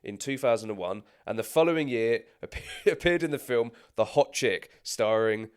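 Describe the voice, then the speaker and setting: A man's voice: medium pitch, expressive, normal speed, smooth. Chatty man hosting a film podcast. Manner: chatty, stumbling restarts, frequent laughter. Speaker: podcast co-host. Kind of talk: casual film podcast chat and scripted career rundown.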